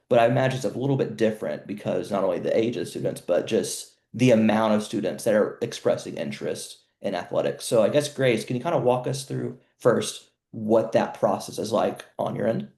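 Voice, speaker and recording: A man hosting a webinar panel as an educational consultant, explaining things in a measured way over a video call. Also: lowish voice, creaky, mellow, roomy sound. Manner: measured, explanatory, some restarts.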